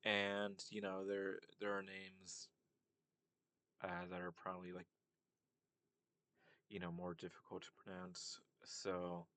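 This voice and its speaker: A young man with a very low voice talks through his thoughts in a loose, unscripted monologue. He circles back often, leaning on fillers and restarting his sentences. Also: monotone, takes it slowly, long pauses, a bit bright, clear, resonant tone. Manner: rambling, many fillers and restarts. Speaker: commentator on language. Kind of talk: casual monologue.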